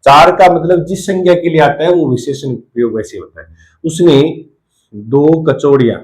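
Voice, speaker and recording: A man's voice: fairly high pitch, animated, moderate pace, low-quality recording. A man teaching a Hindi grammar lesson for exam preparation, repeating key terms and drilling example sentences one by one.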